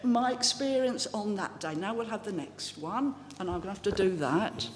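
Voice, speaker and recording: Man from South East England, high-pitched, halting heartfelt testimony; echoey hall. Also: expressive, a little hiss or hum. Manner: halting, heartfelt, with many restarts. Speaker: speaker sharing personal testimony. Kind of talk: informal talk with slides. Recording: echoey hall with long reverb.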